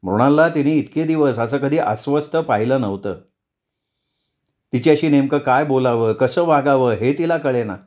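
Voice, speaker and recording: A man reading a short story aloud as a storyteller, in a measured, expressive narration. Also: medium pitch.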